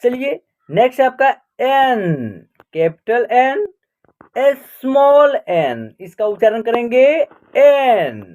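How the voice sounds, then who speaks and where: Woman, teacher, very slow unhurried speech, drawn-out letters, quiz questions to students. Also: fairly high pitch, very animated, a little mellow, muffled recording. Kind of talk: online alphabet lesson.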